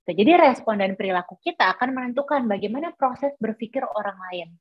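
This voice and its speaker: A woman's voice: a little high, animated, a little fast, no room sound, muffled recording. A woman giving an explanatory workshop lecture to teachers, often saying filler words between points. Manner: explanatory, many fillers like "nah" and "gitu ya". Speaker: teacher trainer.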